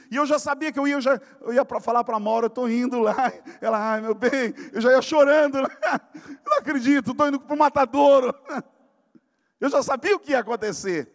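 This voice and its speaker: A man from Brazil, a pastor preaching a sermon, telling a story and then rising into shouted exhortation. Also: very high voice, long reverb tail. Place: church sanctuary.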